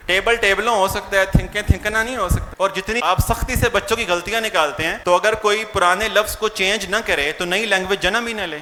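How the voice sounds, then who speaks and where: A man's voice: sits high, hardly any pauses, sharp tone, in a large hall, soft background music. A man with a Pakistani accent giving a lecture on learning English to teachers, mixing in English words and putting questions to the audience.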